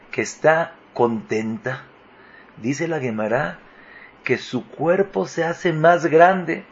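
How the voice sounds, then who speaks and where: A man's voice: a little high, dull audio. A man giving a Torah lesson as a rabbi, posing rhetorical questions and rising with emphasis. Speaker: rabbi teaching.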